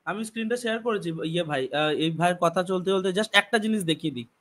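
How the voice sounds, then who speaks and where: Man guest, quick high voice, urgent and emotional. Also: fairly bright tone. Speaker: debate guest. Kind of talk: heated live debate.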